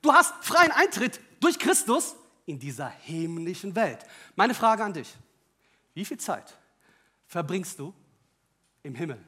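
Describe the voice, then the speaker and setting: A man with a high-pitched voice preaches to his congregation. He drives his points home with loud, rising emphasis. He then drops into quiet, wry personal asides and jokes. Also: big pitch swings, a little slow, slightly rough. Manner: personal and joking. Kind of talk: sermon.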